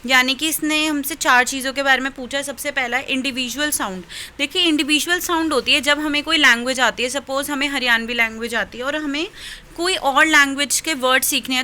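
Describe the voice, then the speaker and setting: A woman tutor with an Indian accent giving an exam-prep lecture. She explains step by step, reads questions aloud slowly and often checks in with "ठीक है". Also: high-pitched, pushed and bright, slight background noise, low-quality recording. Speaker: teacher-training tutor.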